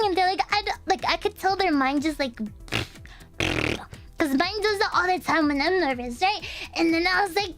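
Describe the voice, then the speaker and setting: A young woman hosts a casual livestream chat, her voice pitched very high and sharply bright. She talks in a bubbly, chatty, rambling way, full of fillers. Faint music plays behind her desk mic. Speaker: VTuber streamer.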